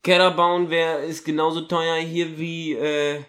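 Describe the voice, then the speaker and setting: A man's voice: fairly high pitch, level tone, unhurried, fairly bright tone. A man co-hosting a podcast in a casual chat, telling stories in a laid-back way.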